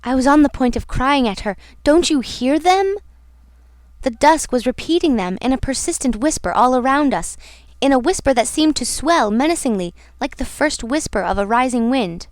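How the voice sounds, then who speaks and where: A woman reading a classic novel aloud as an audiobook narrator, in a measured, somber manner. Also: high voice, lively intonation, no room sound. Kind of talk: scripted narration.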